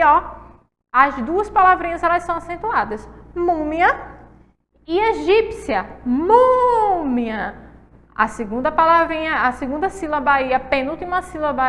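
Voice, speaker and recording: A woman teacher with a Brazilian Portuguese accent gives a lesson to a class, drawing out words slowly when she stresses them and asking the pupils questions. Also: high voice, fairly bright tone. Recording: long hall reverb.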